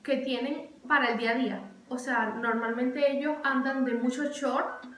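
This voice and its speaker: A young woman vlogger chats animatedly in a casual, explainer style, repeating words for emphasis. Her voice sits high, with a steady, fairly bright tone and moderate pace. The room is echoey, with slight background noise.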